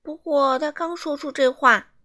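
A woman reading a children's storybook aloud in an animated way, asking the listeners questions. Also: sits high, measured pace.

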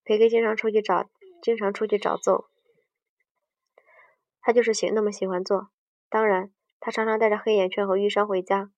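A woman with a medium-pitched, level voice reads a book fairly quickly, though her reading is broken up by long pauses, stumbles, restarts, and corrections mid-sentence. The dry recording sounds dull and distant.

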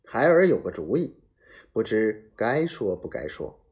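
A man's voice: on the low side, sing-song, measured pace, darkish tone. A man voicing a scheming grown son who coaxes his worried old father. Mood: coaxing. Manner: soothing, coaxing. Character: sly adult son of a general.

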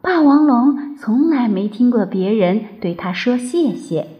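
Woman reading a children's story, high voice, very lively melody, slow unhurried pace, dull lo-fi recording. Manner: expressive, sing-song storytelling.

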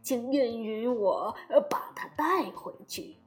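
A woman voicing an old male Taoist sage who gives shrewd advice in a slow, measured way in a storybook reading. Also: a little high, expressive, faint music behind. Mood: deferential.

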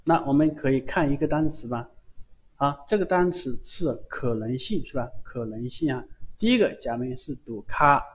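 A man's voice: medium pitch, lively intonation, normal speed, highs cut off. A man teaching kana pronunciation in an online lesson, drilling each syllable over and over with patient repetition. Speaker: Japanese language teacher.

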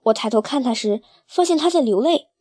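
A woman reading a first-person story aloud in an expressive, emotional way. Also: fairly high pitch, brisk, no echo, studio quality.

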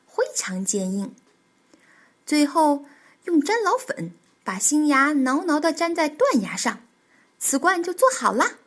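A woman voicing a cheerful, proud male beaver dentist who explains things in a jolly, boastful way in a children's story. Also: high voice.

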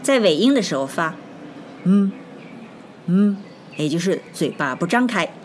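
A woman teaching an English phonics lesson, speaking slowly and deliberately, spelling out letters and repeating each word. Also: on the low side, sing-song, a little hiss or hum.

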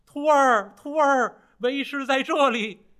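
A man voicing a kindly male Buddhist monk master who speaks softly and with care. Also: very high voice, slow pace, voice pushed up, heavily acted. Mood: caring.

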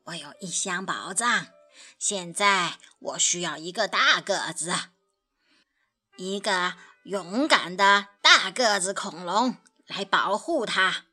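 Give me a woman playing a kindly old grandmother from a picture book, soft and soothing, unhurried and warm-toned. Faint music drifts behind. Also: medium pitch, animated, full character voice. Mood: gentle. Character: gentle, patient old grandmother.

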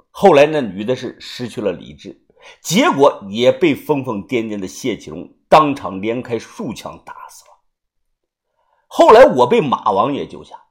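Man narrating with lively swings of pitch. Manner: casual storytelling, swings of pitch. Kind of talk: first-person audiobook narration.

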